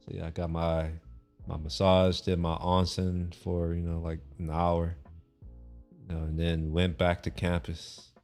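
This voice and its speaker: A man's voice: low voice, completely flat delivery, unhurried, vocal fry, darkish tone, faint music behind. A young man from Texas chatting on a livestream in a loose, rambling way, restarting sentences and swearing casually. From Texas, USA. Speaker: streamer. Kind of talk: casual chat.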